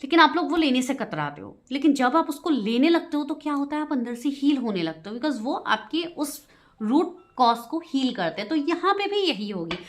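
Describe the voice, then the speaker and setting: Giggly woman tarot reader, somewhat high voice. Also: big pitch swings, moderate pace, faint music behind. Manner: giggly, keeps breaking into laughter; chatty, mixes English into her talk. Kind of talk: tarot reading video for viewers.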